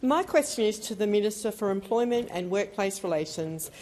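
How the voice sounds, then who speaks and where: A woman's voice: medium pitch, lively intonation, brisk, a little mellow. An Australian woman, a member of parliament, putting a formal prepared question to a minister. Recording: faint chamber background noise.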